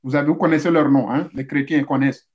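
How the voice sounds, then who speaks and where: Male spiritual teacher, high voice, didactic, talks straight to listeners, repeats steps. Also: fairly even intonation, quick pace, highs cut off. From Central Africa. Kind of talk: instructional talk.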